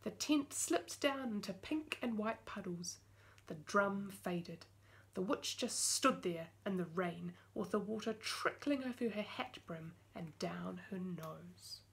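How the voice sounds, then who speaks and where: A woman reads a children's storybook aloud. Her telling is lively and expressive, and she shifts her voice for the characters. Her pitch sits in the middle range. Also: takes it slowly, creaky. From New Zealand. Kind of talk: reading a picture book aloud.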